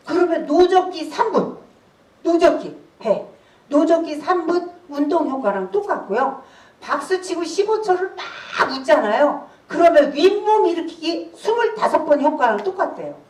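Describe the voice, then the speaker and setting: A woman in her sixties leads a laughter therapy workshop with a high, lively voice that leaps up and down. She bursts into loud laughs and shouts to get the group going. She is heard from some distance in an echoey room. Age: 60s. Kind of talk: workshop lecture with call-and-response. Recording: roomy hall, voice from a distance.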